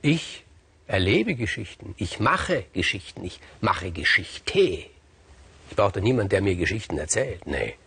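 Haughty storybook king, low and husky, voiced by a male narrator. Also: sing-song, sharp tone, dry recording, exaggerated voice. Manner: haughty and brooding, slow and low. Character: proud, jealous old king.

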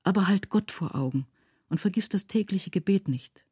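A woman's voice: medium pitch, lively intonation, moderate pace, mellow, breathy edge, no echo, studio quality, pitched above the performer's own voice. A woman reading aloud, voicing an anguished, poor widowed village mother who speaks urgently and vehemently. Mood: pleading.

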